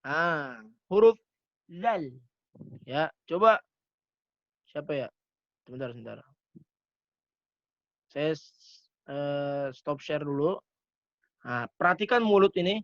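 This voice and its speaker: High-voiced man teaching letter sounds. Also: dry recording, muffled recording. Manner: demonstrates letter sounds in short repeated syllables. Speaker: Quran recitation teacher. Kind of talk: online tajwid lesson. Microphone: computer mic on a video call.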